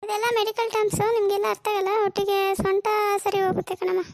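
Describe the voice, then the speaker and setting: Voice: very high-pitched, little pitch movement, fast, creaky. A performer voicing a glib, self-assured doctor in a comedy cartoon, soothing and offhand. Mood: dismissive. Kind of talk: cartoon voice acting.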